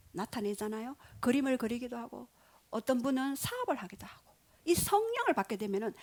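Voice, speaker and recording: Female pastor, high and very lively pitch, animated storyteller in a sermon. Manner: animated storytelling, acting out quotes.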